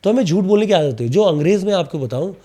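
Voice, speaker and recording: A high-voiced actor talks fast while sharing lively anecdotes in a relaxed podcast interview. He stammers slightly and drops English phrases into his speech.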